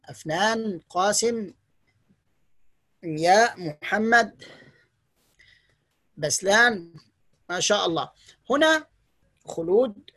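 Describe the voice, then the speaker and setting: A teacher giving a patient, step-by-step grammar lesson online, repeating key rules slowly and often praising and blessing the students. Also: mid-range voice, a bit bright, no echo.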